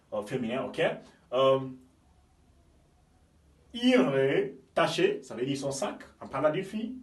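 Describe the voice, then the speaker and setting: A man teaching German grammar in a classroom style, often checking in with "ok?" and repeating key points. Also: medium pitch. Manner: repetitive, checks understanding with frequent "ok?"; stresses German example words, drops off at phrase ends. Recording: roomy echo, mic at a distance.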